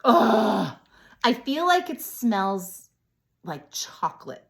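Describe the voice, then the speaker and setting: A woman's voice: mid-range voice, big pitch swings, normal speed, a bit bright. A woman giving a chatty spiritual card and essential oil reading in a casual vlog, gushing and laughing often. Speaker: spiritual reader and channeler.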